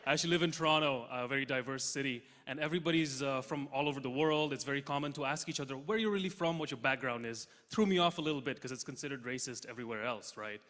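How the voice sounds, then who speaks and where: A young man from Russia doing a stand-up comedy set on stage, deadpan punchlines with sudden loud jumps. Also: mid-range voice, fast, hardly any pauses. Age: young adult. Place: large theatre stage with audience. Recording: hall reverb, faint noise.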